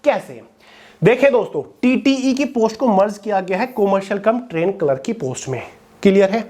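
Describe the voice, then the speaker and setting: A woman's voice: mid-range voice, expressive, a little fast, warm tone. A woman explaining exam updates to students in a direct way, often checking in with her listeners. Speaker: exam coaching educator. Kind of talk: explanatory talk to exam aspirants.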